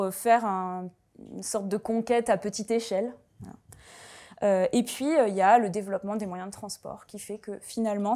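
A woman's voice: a little high, dark tone. A woman giving a public lecture with slides, talking in a hesitant way with many fillers and restarts.

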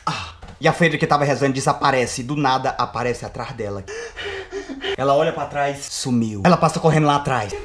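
A young man, a comedian vlogger retelling a horror movie in an animated way, with sudden shouts and hushed asides. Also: medium pitch, fairly quick, noisy background. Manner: animated, shouting bursts, swings between loud and hushed.

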